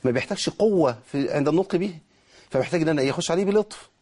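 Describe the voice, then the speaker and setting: A man with an Egyptian accent teaching Quran recitation rules, explaining quickly and slowing down to model drawn-out words. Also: a little high, lively intonation, darkish tone. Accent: Egyptian Arabic. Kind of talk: tajweed lesson, explaining and demonstrating.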